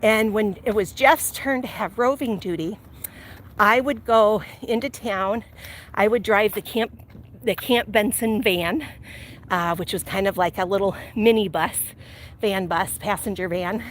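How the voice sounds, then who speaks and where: A woman's voice: mid-range voice, a little slow. A middle-aged American woman tells personal stories in a casual, chatty, rambling way while walking. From Illinois, United States. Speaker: vlog host telling personal stories. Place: outdoors while walking, near traffic. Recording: steady ambient and vehicle noise.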